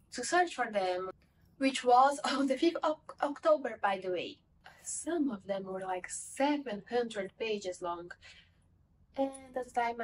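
At home, with bookshelves behind her, a young woman from a Portuguese-speaking country talks informally about a book in a rambling, self-correcting way. Portuguese is her native language, and her voice is mid-range. The camera sits slightly away, producing a distant, rough recording with a bit of background noise.

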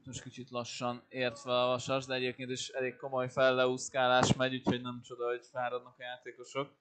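A man giving measured live sports analysis as a co-commentator. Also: mid-range voice, completely flat delivery. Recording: faint venue ambience noise.

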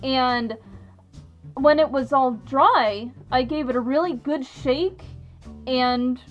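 A woman's voice: sits high, slow pace, lo-fi sound, faint music behind. A woman chatting casually through a fursuit head, laughing often as she tells her story. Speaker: vlogger, fursuiter. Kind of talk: casual chat.

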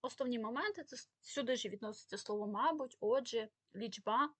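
Husky higher-voiced woman teaching a spelling lesson, dry close sound. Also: brisk, no echo. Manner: explanatory, stresses example words. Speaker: language teacher.

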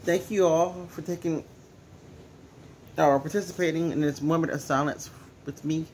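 A man's voice: on the high side, fairly even intonation, moderate pace, a little mellow, a little hiss or hum. A teary-eyed man speaking earnestly at home in a casual personal vlog, repeating himself as he talks. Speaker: vlogger.

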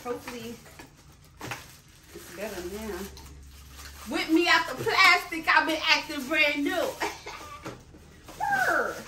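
Female vlogger, American, high voice, casual and expressive, playful slang. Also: takes it slowly, pauses often, roomy sound, background noise. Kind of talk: casual chat to camera.

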